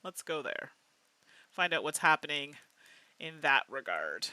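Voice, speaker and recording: Woman streamer, lively swooping voice, very bright tone, laughs a lot, dry close mic. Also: low voice, measured pace, no room sound. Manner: animated, laughs often, chats with viewers. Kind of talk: live game playthrough chat.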